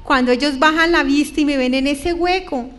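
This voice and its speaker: High-voiced woman giving a dramatic testimony. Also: fairly bright tone. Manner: dramatic, slows down and stretches words, voice breaks with emotion. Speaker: speaker giving a religious testimony. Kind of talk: emotional testimony to an audience.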